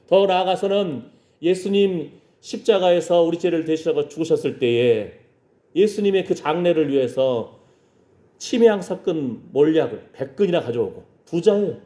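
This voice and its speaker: A man's voice: on the high side, normal speed, dark tone. A man preaching a sermon as pastor, emphatic and conversational, with frequent rhetorical asides to his congregation.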